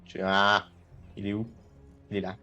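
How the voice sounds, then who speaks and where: A man's voice: fairly low pitch, monotone, measured pace, pushed and bright, dull audio, soft background music. A young man rambling and joking as he comments on a management game, often stumbling over his words and restarting. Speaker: gaming video creator. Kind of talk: casual gameplay commentary.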